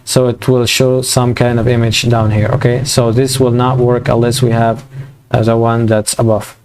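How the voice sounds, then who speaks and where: A young man walking through a coding tutorial in a halting way, full of fillers and restarts, as his voice gives out. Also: medium pitch, level tone, darkish tone. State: losing his voice. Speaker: programming tutor. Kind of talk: screen-recorded coding tutorial.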